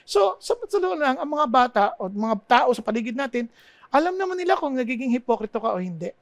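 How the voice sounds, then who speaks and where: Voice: high voice, big pitch swings, fairly quick, no echo. An earnest preacher from the Philippines delivers a sermon, slipping English phrases into the flow and sharing personal confessions. The voice is recorded dry and close, with no room sound around it.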